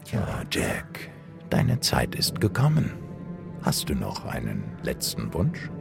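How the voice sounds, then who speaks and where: A menacing devil in a radio play, very deep and gravelly, drawing out his words in a slow, teasing whisper. His pitch swings widely, and music plays behind him. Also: huge pitch swings, heavily acted. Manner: slow, teasing, then pleading. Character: sinister male devil, mocking and menacing.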